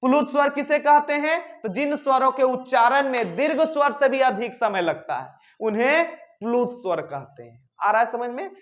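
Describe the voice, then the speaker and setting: Guy w a teaching grammar, really high voice, keeps asking then answering himself. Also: animated, moderate pace, hardly any pauses, a bit bright. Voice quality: high-pitched. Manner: repeats questions and answers them himself. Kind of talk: classroom grammar lesson.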